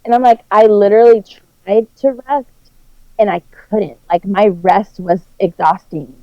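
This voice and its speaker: A woman's voice: medium pitch, fairly even intonation, unhurried, no room sound. A woman chatting casually on a podcast, her voice muffled as if through a wall because her phone mic is covered, talking in a tired, rambling way. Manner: tired, rambling, lots of fillers. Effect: muffled, as if through a wall, mic covered by clothing. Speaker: podcast co-host. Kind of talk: casual chat.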